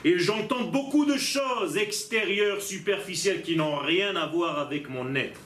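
High-voiced, slow-speaking rabbi. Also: male voice, fairly bright tone. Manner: emphatic, asks rhetorical questions. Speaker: rabbi teaching a class. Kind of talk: religious lesson. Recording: echoey room.

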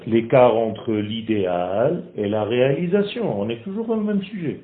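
Animated teacher in an echoey room. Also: male voice, mid-range voice, moderate pace. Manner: animated, asks the group questions, teasing. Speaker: Torah teacher. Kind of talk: lively classroom teaching. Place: classroom in Israel. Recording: echoey room on a tinny phone-like recording.

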